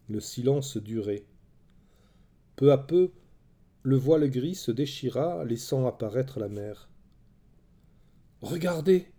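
A male narrator reads a story in a deep, mellow tone. His delivery is measured and dramatic, with a steady middle pitch.

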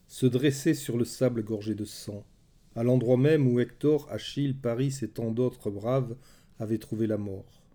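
A man narrating a story in a measured, dramatic way. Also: medium pitch, warm tone.

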